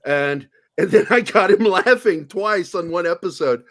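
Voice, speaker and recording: A man's voice: sits high, expressive, moderate pace, a bit bright. A man hosting a podcast in casual chat, joking crudely and laughing often. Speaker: podcast host.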